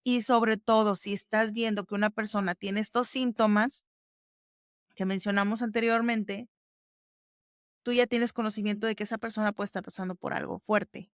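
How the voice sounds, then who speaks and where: A woman's voice: medium pitch, fairly even intonation, normal speed, no echo, studio quality. A woman hosting a podcast, explaining exercises step by step in a casual, conversational way. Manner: explains step by step, conversational, warm fillers like "ujú". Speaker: podcast host.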